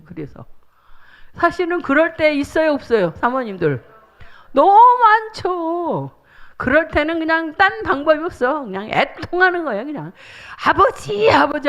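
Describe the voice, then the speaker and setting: High, gravelly woman preaching with emotion. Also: fairly bright tone. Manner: emotional, pleading, repetitive preaching. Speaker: pastor's wife leading a prayer seminar. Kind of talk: sermon.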